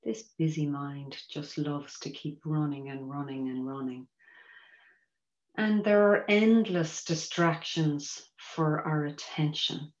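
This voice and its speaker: In a dull, muffled recording with roomy echo, a low-voiced woman leads a body scan as a mindfulness teacher. She keeps a fairly even intonation and sounds gentle, measured and invitational as she gives meditation instructions.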